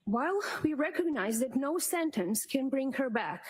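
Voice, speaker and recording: A woman in a courtroom recording, reading a prepared impact statement at the witness stand in a measured, solemn way. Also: high voice, animated, darkish tone, slightly rough. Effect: courtroom audio feed played on a livestream. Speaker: victim's sister giving an impact statement.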